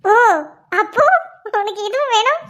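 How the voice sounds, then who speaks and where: Voicing a young cartoon girlfriend, a woman teases and nags, making each answer a complaint. She speaks at a measured pace in an extremely high-pitched, fairly bright voice.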